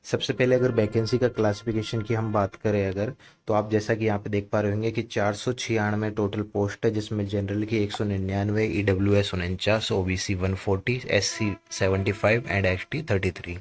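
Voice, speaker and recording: An Indian man with a fairly low voice speaks at normal speed in a level tone, giving an informal exam-coaching explainer about a job notification. He's instructive, mixes Hindi with English terms, and keeps repeating check-in tags to the listener.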